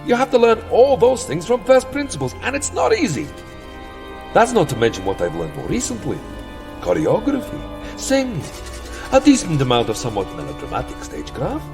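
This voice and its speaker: An actor playing a weary, settled vampire count in a comic audio drama, theatrical and wry, by turns boastful, petulant and self-deprecating. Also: male voice, sits high, wildly swooping pitch, normal speed, creaky, over music, full character voice. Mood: indignant, boastful.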